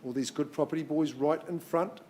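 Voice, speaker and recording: Male auctioneer, slightly high pitch, live in-room property sale, clipped number calls broken up by chatty asides. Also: fairly even intonation, brisk, a little mellow, slight background noise.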